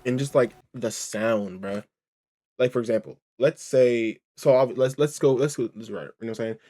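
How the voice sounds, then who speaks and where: A man's voice: mid-range voice, normal speed, mellow. A man giving a casual, rambling reaction commentary, full of slang and filler. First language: English. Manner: rambling, slangy, says bro a lot. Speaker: reaction video host.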